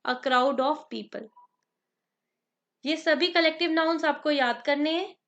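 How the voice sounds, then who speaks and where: A woman teaching an exam-prep grammar lesson, slowly dictating examples and asking the viewer questions. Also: high-pitched, a bit bright, highs cut off. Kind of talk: grammar lesson in Hindi-English mix.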